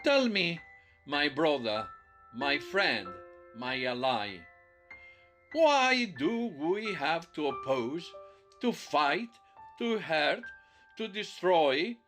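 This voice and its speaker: Guy narrating slow and solemn, soft music underneath. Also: fairly high pitch, very animated. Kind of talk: scripted narration.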